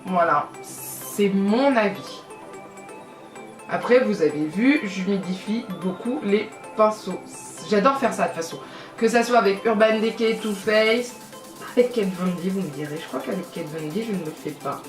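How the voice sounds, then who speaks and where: A woman's voice: medium pitch, normal speed, far from the mic. A woman chatting casually through a makeup tutorial, rambling and correcting herself often, with many fillers. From France. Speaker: beauty vlogger. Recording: echoey room, voice a bit off-mic, faint music.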